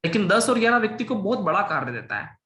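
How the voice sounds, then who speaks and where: A man's voice: sits high, sing-song, fast talker, sharp tone, reverberant, slight background noise. A man teaching an astrology class online, explaining step by step and checking often that students follow, while his voice breaks up and drops out over a bad connection. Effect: voice breaking up and cutting out over a bad online connection. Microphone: video call.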